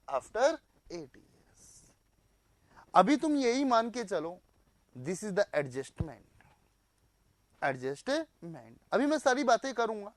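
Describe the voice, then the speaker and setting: A man's voice: high voice, no echo. A male teacher running a live online class, quizzing students, repeating their answers back and mixing in English phrases.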